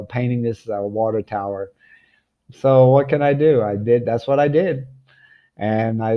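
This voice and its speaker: A man's voice: mid-range voice, dull audio. An older man telling children a rambling personal travel story, full of ums, restarts and chuckles.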